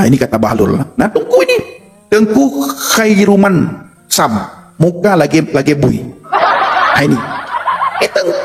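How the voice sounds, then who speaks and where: A man giving a testimony sermon, speaking emphatically to his listeners and acting out quoted dialogue. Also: high voice. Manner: emphatic, addresses listeners as Bapak Ibu; acts out quoted voices in dialogue.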